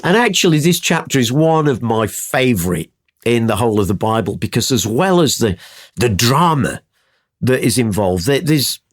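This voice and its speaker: A man's voice: medium pitch, normal speed. A man teaching from the Bible in conversation, telling the story with energy and acting out the quotes. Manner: animated storytelling, acts out quotes.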